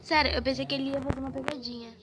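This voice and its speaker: A woman with a Brazilian accent, hoarse and stuffy-nosed, thinking aloud as she guesses through a quiz game, with mild swearing. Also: sits high, steady tone, very fast. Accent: Brazilian Portuguese. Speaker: gaming channel host. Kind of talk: casual gameplay commentary.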